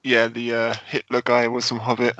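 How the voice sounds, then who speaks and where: A man's voice: medium pitch, monotone, moderate pace, fairly bright tone, dry recording. A man in casual podcast chat, laid-back and laughing often. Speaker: podcast co-host. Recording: dull dry recording.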